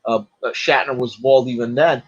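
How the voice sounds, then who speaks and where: A man chatting as a podcast guest, retelling stories in a halting way, full of fillers and restarts. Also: medium pitch, steady tone, husky, lo-fi sound. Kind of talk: casual podcast chat.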